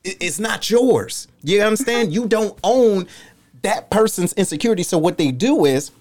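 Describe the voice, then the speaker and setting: A man's voice: high voice, expressive, normal speed, darkish tone. A man co-hosting a talk show, giving emphatic, preachy advice and often asking the listener if they understand. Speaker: podcast co-host.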